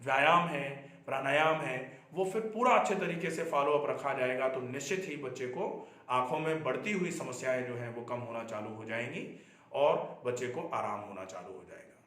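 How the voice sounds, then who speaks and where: A man's voice: mid-range voice, moderate pace, fairly bright tone. A middle-aged man, a doctor, giving health advice in an earnest explanatory talk, repeating points for emphasis. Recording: echoey room.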